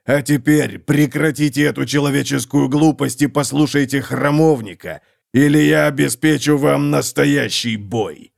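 A man voicing a gruff, stubborn male dwarf warrior who speaks slowly and heavily in an audiobook. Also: medium pitch, pitched above the performer's own voice. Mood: menacing.

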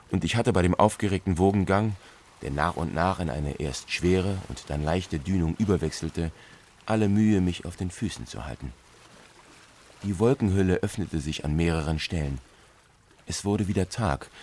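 A man's voice: low voice, a little mellow, slight background noise. A man narrating a sea adventure in the first person with a dramatic storyteller's delivery.

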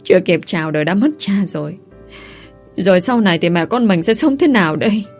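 A woman's voice: lowish voice, animated, a little fast, faint music behind. Wailing scheming village woman, as a woman reads her. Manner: loud, wailing, pleading.

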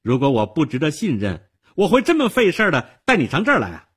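A man's voice: on the high side, wildly swooping pitch, fast talker, breathy edge, voice pushed up, heavily acted. A man voicing an indignant, stubborn teenage girl who scolds sharply in a storytelling performance.

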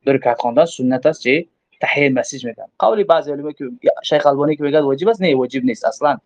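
A man with a Tajik accent teaching from a religious text, quoting Arabic phrases and explaining them, often asking himself questions before answering. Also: a little high. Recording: dull lo-fi recording.

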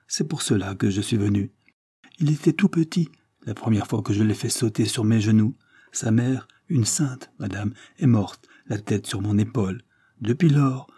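A man's voice: breathy edge, no room sound, studio quality, lightly acted. A man reading an audiobook, voicing a devoted elderly peasant nursemaid who speaks earnestly and urgently. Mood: pleading. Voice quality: raised pitch, forceful. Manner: earnest and pleading.

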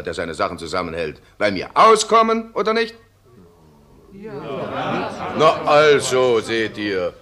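In a German radio play, a male actor portrays a domineering, self-righteous mill owner who blusters and gives commands. His voice is lowish, sharp, and exaggerated.

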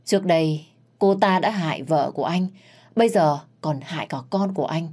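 Low-voiced woman telling a sad story. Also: moderate pace, darkish tone. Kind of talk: narrated family drama story. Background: faint background music.

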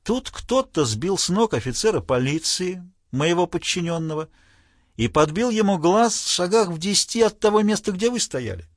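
A man's voice: high voice, very animated, normal speed, no room sound, clean studio sound, voice pushed up. A man reading an audiobook, playing a grumbling, irritable police inspector who threatens arrest. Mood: warning. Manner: grumbling, menacing, blustering.

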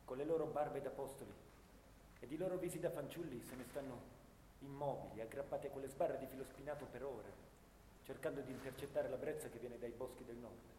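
A male actor voices a haunted, anguished young First World War soldier in a dramatic radio-theatre monologue, shifting between hushed bitterness and intensity. His mid-range voice is brisk and lightly acted, with a weary, pitying mood. The sound carries long reverb in a roomy space over clear noise.

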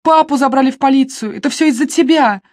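A woman reading an audiobook, voicing a distraught young woman who pleads and shouts accusations in high, shrill bursts. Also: normal speed, dry recording. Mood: shrill accusing.

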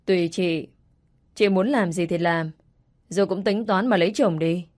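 A woman's voice: lowish voice, moderate pace, darkish tone, lightly acted. A woman voicing a grumbling, scolding older rural mother in a story reading.

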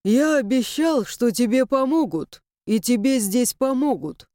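A woman voicing Inamir, a stern, proud young man, in a measured, lecturing way in an audiobook. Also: a little high, animated, mellow, no room sound, clean studio sound. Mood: curt. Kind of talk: audiobook character voice.

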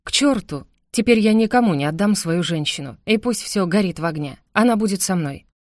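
A woman voicing a brooding, possessive young man who speaks hoarsely and harshly. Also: mid-range voice, expressive, brisk, a little mellow, no room sound, studio quality, natural voice. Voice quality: hoarse, rasping.

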